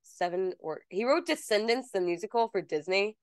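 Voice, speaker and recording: A woman's voice: mid-range voice, lively intonation, normal speed, no room sound, clean studio sound. A woman co-hosting a podcast in casual, teasing chat. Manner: chatty, teasing, reads bits aloud. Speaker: podcast co-host.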